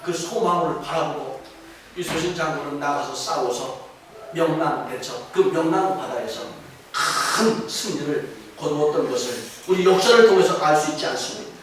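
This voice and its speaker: A middle-aged man preaching a sermon as pastor, telling stories and rising to fervent shouts. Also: a little high, normal speed. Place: church sanctuary. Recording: very echoey hall from far off, faint noise.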